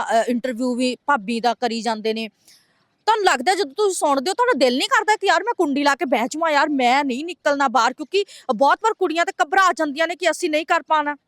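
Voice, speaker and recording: A woman's voice: a little high, no room sound, studio quality. A woman interviewer who introduces her guests and asks earnest, probing questions.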